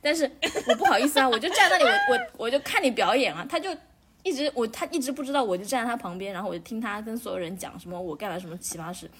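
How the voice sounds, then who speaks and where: A woman co-hosting a casual chat tells a story at a quick clip, starting over again and again as she goes. Her voice sits a little high and has a husky edge. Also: expressive, fairly bright tone. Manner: rambling storytelling with many restarts and laughs.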